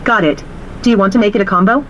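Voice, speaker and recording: A woman taking orders over a drive-thru intercom, running through quick, scripted prompts. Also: mid-range voice, fairly bright tone, slight background noise. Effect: heard through a drive-thru intercom speaker. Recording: muffled drive-thru speaker picked up from a car.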